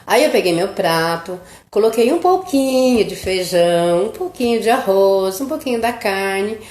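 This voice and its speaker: A woman's voice: medium pitch, animated, normal speed, a little mellow. A middle-aged woman hosting a live stream, telling a family story in a chatty, casual way and often tagging her sentences with a questioning "right?". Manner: chatty, keeps asking "né?" after her sentences. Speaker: host of a live stream about children's nutrition. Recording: roomy echo.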